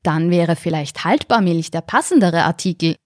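A woman's voice: on the low side, lively intonation, moderate pace, a little mellow, no echo, studio quality, close to an everyday voice. A woman voicing a condescending, overly polite male robot shop assistant in a story podcast. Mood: smugly polite.

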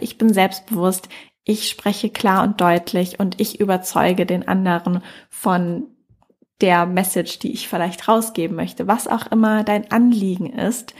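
A woman giving a calm, instructional talk as a speaking coach, addressing the listener directly with the occasional hesitant pause. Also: mid-range voice.

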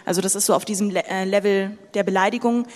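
Measured woman panelist in a hall. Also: medium pitch, steady tone, darkish tone. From Sudan. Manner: measured, thoughtful, with fillers. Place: conference hall with audience. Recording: long hall reverb.

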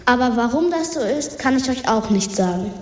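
In a children's radio science sketch, a woman voices a cheerful, chatty female dwarf planet who addresses listeners as earthlings. Her voice is on the high side, a little mellow, with lively intonation at normal speed, soaked in an echoing space reverb, plus a little hiss or hum.

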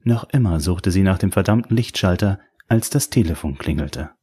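Low, husky male audiobook narrator. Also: animated, moderate pace, dark tone.

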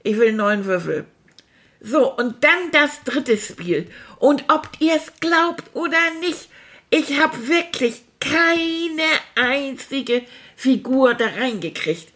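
A woman's voice: high voice, animated, slow pace, fairly bright tone, exaggerated voice. A woman voicing a sulky, childlike male character who chats theatrically and makes sound effects in a comic monologue. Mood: indignant.

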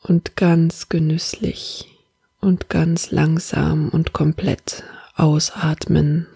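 Breathy soft-spoken woman guiding meditation. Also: low voice, very slow, dry recording, clean studio sound. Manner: soft, half-whispered, calm and soothing. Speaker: meditation guide. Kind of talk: guided meditation.

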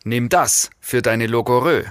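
A man's voice: medium pitch, measured pace, dry recording, clean studio sound, lightly acted. A man voicing a brutal male gang leader who bellows his lines, in an audiobook reading. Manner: shouting, brutal.

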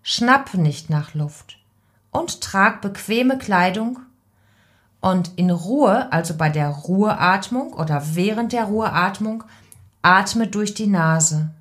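A woman voice coach giving calm, deliberate advice in an instructional podcast. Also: mid-range voice.

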